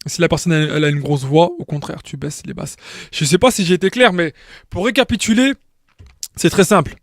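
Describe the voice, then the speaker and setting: A man's voice: a little high, brisk, no echo, studio quality. A man giving an informal tutorial, explaining step by step with many restarts and checking in with the viewer. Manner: frequent restarts and repeated words. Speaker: tutorial maker.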